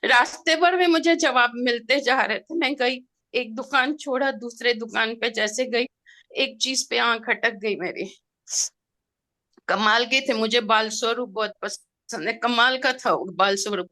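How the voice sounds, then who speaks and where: A middle-aged woman telling an emotional personal story in an expressive, heartfelt way, slipping in English words. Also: fairly high pitch, a little slow. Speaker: participant sharing a personal experience.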